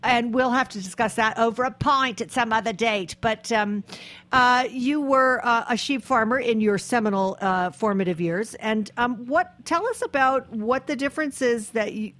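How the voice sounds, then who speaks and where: A woman's voice: on the high side, moderate pace, fairly bright tone. A woman hosting a radio interview from the studio, talking in a chatty, jokey way with restarts. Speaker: radio show host.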